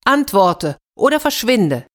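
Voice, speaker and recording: A woman's voice: fairly high pitch, sing-song, slow pace, voice pushed up. A woman voicing a simple-minded, fearless young village lad in a children's fairy-tale reading. He sounds earnest and unbothered. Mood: bold.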